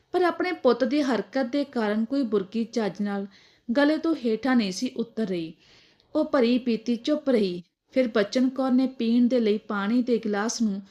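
A woman's voice: a little high, darkish tone. Woman narrating a story, lo-fi.

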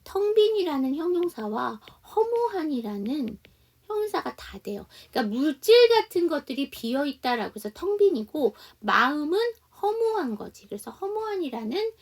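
A woman's voice: sits high, sing-song, distant mic. A woman teaching a beginner English lesson, explaining step by step and answering her own questions. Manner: reads example sentences slowly for repetition.

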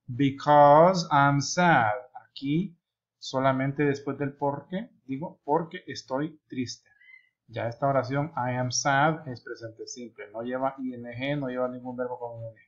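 Male English teacher, mid-pitched, slow deliberate examples, dull lo-fi sound. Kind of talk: online English lesson. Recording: dull lo-fi recording.

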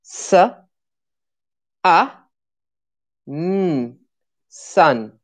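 A woman with a low voice leads a live-streamed pronunciation lesson. She talks very slowly, drawing out each letter and word and encouraging listeners to say them along with her. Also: animated. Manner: slow, drawn-out sounding of letters and words; encouraging, asks viewers to repeat along. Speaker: English pronunciation teacher.

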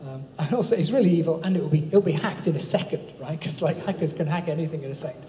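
A man presenting a project gives an informal, chatty tech talk at a live event in a large echoey hall, with frequent ums and tag questions. His voice is a little high with a dark tone, and he talks fast. The recording carries the hall's echo and faint room noise.

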